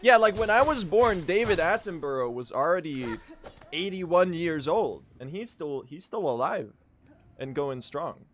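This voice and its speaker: Young male streamer from Sweden, jokey running chat over gameplay, animated delivery. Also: on the high side, measured pace, a little hiss or hum. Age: young adult. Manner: joking, talks to chat while playing. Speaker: speedrunning streamer. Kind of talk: casual live-stream chat.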